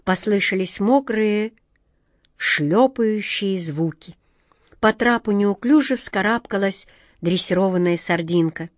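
A woman's voice: mid-range voice, slow, no echo. Woman reading a storybook aloud. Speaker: narrator. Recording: dry close recording.

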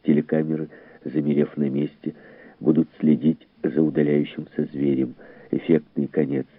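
Very deep gravelly male audiobook narrator. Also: flat delivery, normal speed, no room sound. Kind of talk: scripted literary narration. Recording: tinny phone-like dry recording.

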